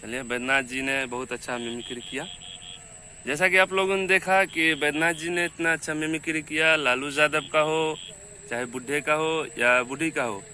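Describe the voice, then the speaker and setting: A man's voice: on the high side, moderate pace, bright, forceful tone, a little hiss or hum. A man hosting a channel, talking casually and earnestly to viewers at the end of the video. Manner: earnest, asking viewers to share. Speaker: channel host. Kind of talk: casual wrap-up talk.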